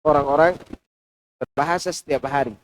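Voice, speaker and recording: A man with a fairly high voice preaches to a mosque congregation. His delivery is animated, swinging from loud, emphatic lines to soft, hushed asides as he teaches. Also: a little fast, poor audio. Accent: Indonesian. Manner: lively, shifting between loud and hushed delivery. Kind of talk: Quran commentary lecture. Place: large mosque.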